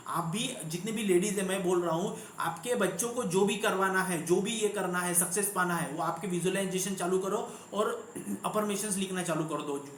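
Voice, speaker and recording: A male coach talking to an online class in an echoey room, with a faint hum behind him. He tells his story slowly and repeats phrases often, filling gaps with little checks to his listeners. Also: high-pitched, a bit bright. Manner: repetitive, storytelling, frequent fillers.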